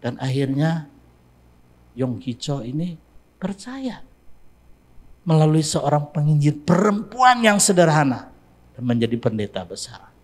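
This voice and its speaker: A male pastor, preaching a sermon to his congregation in an animated way, rising to emphatic exclamations. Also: fairly high pitch, measured pace, long pauses. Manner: addresses congregation directly.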